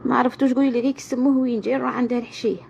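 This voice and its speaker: A woman's voice: a little high, steady tone, racing, vocal fry. A woman with a western Algerian Arabic accent, venting tearfully and in anguish in a personal vlog, repeating her phrases. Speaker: online video creator. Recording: dull lo-fi sound with loud-ish noise.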